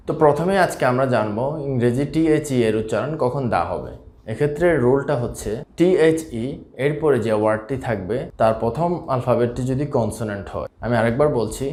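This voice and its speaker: A man teaching a spoken English lesson, explaining rules patiently and repeating each example slowly. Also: mid-range voice, darkish tone. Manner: slow, repetitive explanation with drawn-out examples. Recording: echoey room.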